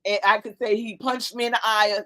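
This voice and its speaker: An older woman, co-hosting a casual chat and telling animated, laughing stories. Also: on the high side, a little fast. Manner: animated storyteller, laughing and acting out voices. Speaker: co-host.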